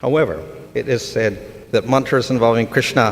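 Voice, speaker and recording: A man lectures on scripture at a very unhurried pace, his low voice carrying a gravelly texture. He speaks in measured phrases with short pauses. The sound rings with long hall reverb over faint background noise. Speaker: spiritual teacher.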